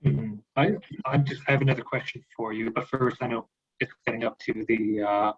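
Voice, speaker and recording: A man moderates a webinar over a video call, friendly and reading out comments from the audience. His voice sits at a middle pitch, and the sound is dull and lo-fi. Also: steady tone, moderate pace, husky. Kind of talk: hosting a webinar.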